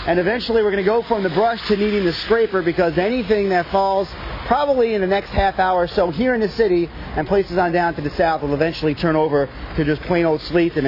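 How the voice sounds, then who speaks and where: A man with a Baltimore accent doing a live outdoor weather report, upbeat and folksy, talking to viewers as folks. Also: high voice. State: out of breath. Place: outdoors on a city street in snow. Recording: dull broadcast audio with faint noise.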